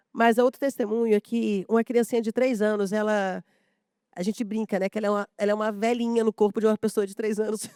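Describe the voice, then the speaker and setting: A woman's voice: mid-range voice, darkish tone, smooth, no room sound, clean studio sound. A woman from a school staff, sharing heartfelt stories at a round table, full of fillers and moved to tears at moments.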